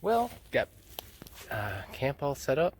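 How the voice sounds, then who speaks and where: Holding his phone camera as he treks through the mountains, a man vlogs his long-distance hike in a slow, sing-song, medium-pitched voice. He rambles casually, laughs often, swears now and then, and is sometimes out of breath, with slight background noise behind him.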